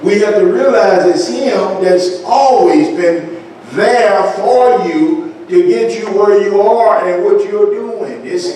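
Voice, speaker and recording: An older male preacher delivers a sermon in an unhurried, drawn-out way. He pulls his listeners in with questions and homely asides, and his voice sits a little high. The room rings heavily around him, and he is picked up from a distance with noise underneath. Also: dark tone. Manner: preaches slowly with call-and-response and folksy asides. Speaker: assistant pastor. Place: church sanctuary. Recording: echoey church room from far off, noisy.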